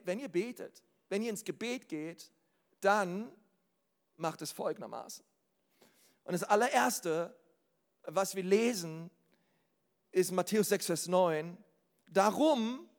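Guy preaching, kinda high voice, super casual, keeps going "okay?" to the crowd, loud one sec, soft the next. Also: long reverb tail. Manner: casual and direct, often asks the crowd "okay?"; swings between loud calls and quiet, low asides. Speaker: pastor. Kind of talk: lively sermon to a congregation. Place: hall with a live congregation.

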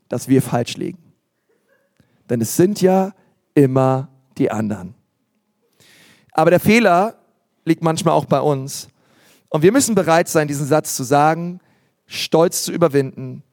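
Animated high-voiced man preaching. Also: no room sound, clean studio sound. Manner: animated, emphatic preaching with repetitions and acted asides. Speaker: pastor. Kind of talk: sermon.

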